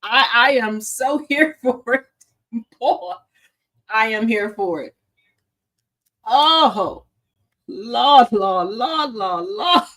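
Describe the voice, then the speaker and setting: A woman talking through the day's news as a casual commentary host. Her voice sits high and swoops up and down as she drawls her words unhurriedly. She is sassy and laughs often. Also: lively intonation, extremely slow, long pauses, a bit bright.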